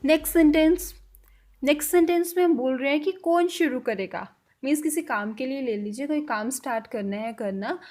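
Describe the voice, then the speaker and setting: A woman giving a casual spoken language lesson, mixing English words into her explanations and repeating each example phrase slowly and deliberately. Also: high-pitched, a little mellow. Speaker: language teacher.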